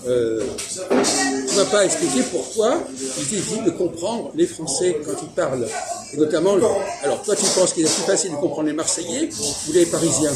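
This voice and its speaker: Male host, insistent and explanatory, fairly high voice, loud music behind in a fast-food place. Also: animated. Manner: insistent, explains and pushes back. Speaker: host asking questions. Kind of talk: casual philosophical chat.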